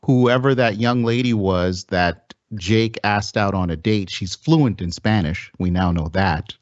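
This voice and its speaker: A man's voice: lowish voice, measured pace, no room sound. A man moderating a podcast discussion, easygoing and casual, passing the turn to other panelists. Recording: dry muffled lo-fi audio.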